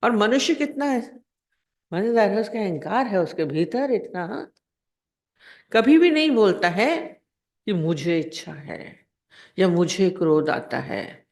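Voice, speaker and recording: A woman's voice: medium pitch, very animated, takes it slowly, darkish tone. Woman giving a conversational spiritual talk. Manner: conversational, explaining with everyday examples and rhetorical questions. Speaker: spiritual teacher. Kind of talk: spiritual discourse.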